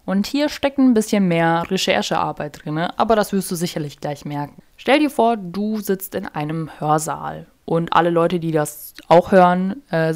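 A young woman hosting her own podcast in a casual, chatty monologue, joking about herself and often leaving sentences unfinished. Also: fairly low pitch. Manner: chatty, self-deprecating, loses track of sentences. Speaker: podcast host. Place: sitting on her bedroom floor.

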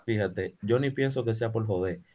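A man with a Dominican accent, co-hosting a casual podcast chat in a joking, animated way, often repeating words. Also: lowish voice, moderate pace. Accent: Dominican Spanish. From Dominican Republic. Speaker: podcast co-host.

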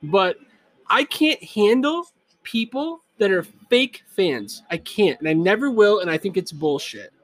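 A man co-hosting a casual sports chat, excitable and swearing, shouting at a game as he watches. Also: high voice, unhurried. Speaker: podcast co-host.

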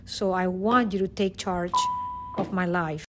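Background noise accompanies a woman with a low-leaning voice, steady in tone and measured in pace. The middle-aged Venezuelan teacher and guest, with a Venezuelan Spanish accent, gives an emotional, earnest testimony marked by many restarts.

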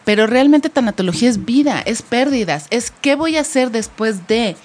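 A woman's voice: fairly high pitch, animated, normal speed, darkish tone. Woman explaining as an expert guest. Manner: explanatory, emphatic lists. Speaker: thanatologist guest. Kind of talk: explaining on a talk show.

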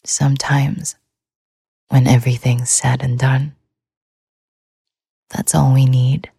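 A woman hosting a sleep podcast, talking in a soft, soothing whisper. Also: rumbling low, level tone, slow, gravelly, breathy edge, no echo. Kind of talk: whispered ASMR sleep talk.

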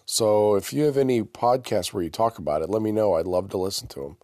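A man hosts his own casual podcast, rambling loosely and correcting himself, his voice stuffy from a cold. He speaks fast in a low, dark voice, and the studio-quality recording has no room sound.

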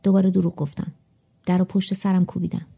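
A woman narrates a first-person story in audiobook style, her voice dark and very mellow with a gravelly texture. She reads at a measured, reflective pace, and soft music plays faintly underneath. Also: fairly low pitch, little pitch movement.

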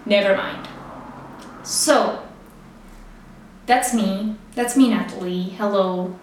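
A young Czech woman vlogger talks slowly to her camera in a chatty, rambling monologue, laughing often and using fillers like "like," with a medium-pitched voice. She's in a small, echoey studio, recorded by the camera's built-in mic with no external microphone, so the sound is roomy and distant with faint street traffic outside.

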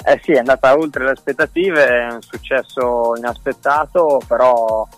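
A man's voice: medium pitch, normal speed, soft background music. Easygoing man talking over the phone. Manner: easygoing, repeats words. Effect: heard over a phone line. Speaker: guest DJ and producer. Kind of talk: casual interview chat.

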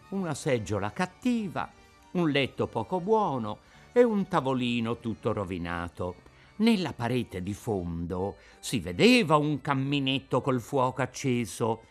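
A man reading a children's tale aloud as narrator, with expressive, rising and falling storytelling. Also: mid-range voice. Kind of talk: scripted narration. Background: faint music.

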